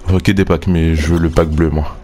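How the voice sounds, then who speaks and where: A young man casually commenting on a sports video game, thinking aloud and getting excited over pack openings. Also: rumbling low, fairly quick. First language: French. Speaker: gaming YouTuber.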